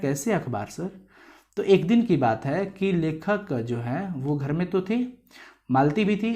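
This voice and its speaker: A man's voice: a little high, darkish tone. A man with a Bihari Hindi accent, a teacher chattily explaining a chapter to students and mixing in English words. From India. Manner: chatty, mixes English words into Hindi, acts out quoted lines.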